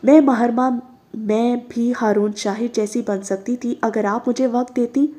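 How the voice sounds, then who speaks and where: A woman reading aloud, voicing a bitter, obsessed young woman who shouts her grievances in pain. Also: a little high, normal speed, lightly acted. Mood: bitter shouting.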